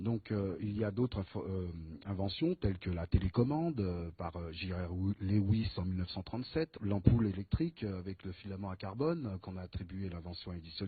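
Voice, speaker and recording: Husky low-voiced man on narrow audio. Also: dry recording. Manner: hesitant, many fillers. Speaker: association guest. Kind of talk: radio interview. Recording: dry narrow phone-like audio.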